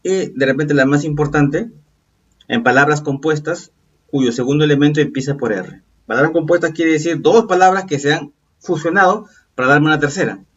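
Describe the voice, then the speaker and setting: A man teaching a recorded review lesson, explaining patiently and checking in with quick "okay?" and "right?" questions. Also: fairly high pitch, a bit bright, husky. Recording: distant, dull lo-fi voice.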